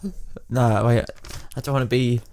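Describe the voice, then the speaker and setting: A man's voice: mid-range voice, fairly even intonation, moderate pace, darkish tone. A man, a guest on an improvised comedy podcast, hesitant and stalling.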